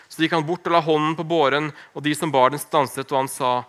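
A man preaching a sermon, earnest and emphatic, slowing down on key phrases and dropping to a hush. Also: a little high, steady tone. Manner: earnest, slow emphatic phrasing with wide swings in loudness.

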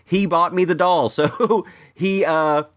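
A man's voice: high voice, steady tone, takes it slowly. A middle-aged man hosting a toy show, telling nostalgic stories in a casual, wry, conversational way into a microphone. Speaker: toy review host. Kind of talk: casual nostalgic storytelling and commentary. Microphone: microphone in a room.

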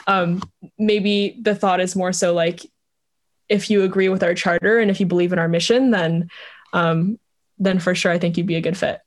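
A woman's voice: fairly low pitch, steady tone, moderate pace. A young woman from Vietnam, a startup co-founder, chatting casually as an interview guest, with frequent laughs and fillers.

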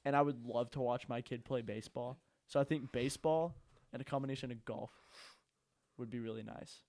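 Young man, easygoing chatter, mid-pitched plain voice, relaxed conversational read. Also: fairly quick, dry recording. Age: young adult. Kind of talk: casual chat.

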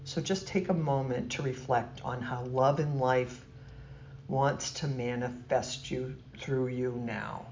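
A yoga nidra instructor with a mid-range voice leads a guided meditation, soothing, gentle and deliberate, leaving long pauses. The recording is muffled and noisy, with a steady humming tone.

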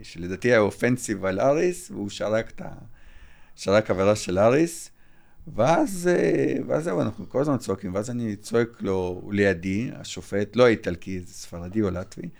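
A man who is a guest on a fan podcast, telling a lively, rambling anecdote in casual chat, full of restarts. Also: lowish voice, gravelly.

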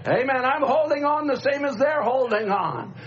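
A middle-aged pastor preaching a sermon at a pulpit microphone, repeating refrains and calling for amens. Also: male voice, very high voice, big pitch swings, normal speed, a bit bright. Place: church sanctuary, at a pulpit microphone. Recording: dull church recording with faint hum.

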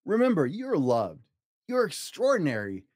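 A man hosting a podcast and reading a children's picture book aloud in an expressive, earnest way for young listeners. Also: on the high side, moderate pace, dry recording, clean studio sound. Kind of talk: scripted storybook narration.

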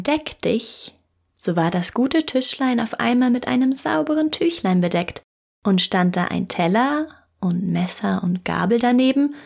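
Woman narrator for fairy tale reading, calm, slow, measured, fairly high voice. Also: creaky.

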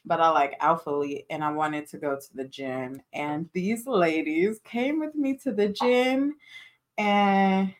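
Een vrouw die als co-host van een podcast ontspannen en met straattaal praat, vaak lachend. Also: female voice, fairly low pitch, unhurried. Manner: laid-back, slangy, laughs often. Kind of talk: casual chat.

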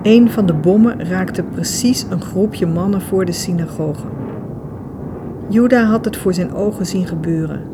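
A woman reading a novel aloud in steady, measured audiobook narration. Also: lowish voice, noisy background. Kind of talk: scripted narration.

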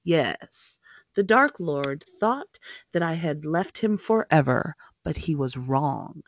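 A woman reading aloud as a cold, smooth male dark wizard, speaking in a measured, disdainful way. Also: low voice, expressive, no room sound, exaggerated voice.

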